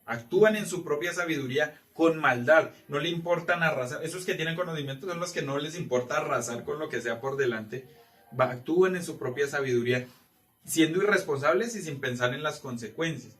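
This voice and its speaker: A man's voice: fairly high pitch, brisk, a bit bright, echoey room, recorded from a distance. A man teaching scripture to a small congregation, often asking the listeners if they follow. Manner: asks the room for agreement often. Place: church meeting room.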